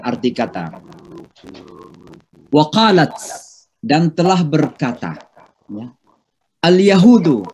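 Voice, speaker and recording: A middle-aged man, an imam giving a slow, patient Quran recitation lesson that draws out the Arabic words. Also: on the high side, darkish tone, slight background noise, poor audio. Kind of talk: Quran tafsir and tajwid lesson.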